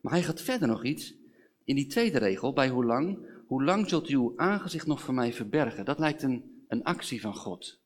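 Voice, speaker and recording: A man's voice: mid-range voice, expressive, moderate pace. Man, sermon, casual preaching, mid-range voice, pleading questions. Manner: informal, conversational preaching with fillers and rising pleas. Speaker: pastor.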